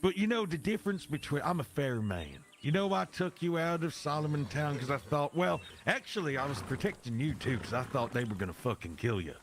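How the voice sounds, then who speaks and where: A man's voice: on the high side, animated, fairly quick, few pauses, slight background noise. A man voicing a folksy, foul-mouthed cowboy peacemaker who rambles and repeats himself in an improvised western role-play. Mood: friendly, earnest.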